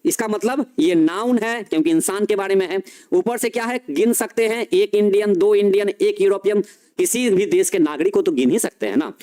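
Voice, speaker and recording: A man's voice: high-pitched, normal speed, dark tone. A young man teaching a live online grammar class, explaining step by step and asking his students questions.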